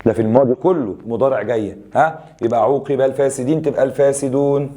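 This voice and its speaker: Warm-voiced Egyptian male teacher. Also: medium pitch. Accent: Egyptian Arabic. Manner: lively explaining, drilling rules and asking quick questions. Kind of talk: classroom grammar review.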